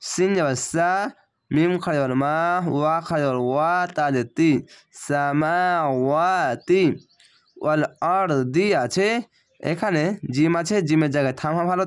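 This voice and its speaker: Male reading teacher, patient letter-by-letter spelling, drawn-out recitation, slightly high voice. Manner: spells letters and vowel marks, then recites words slowly and drawn out.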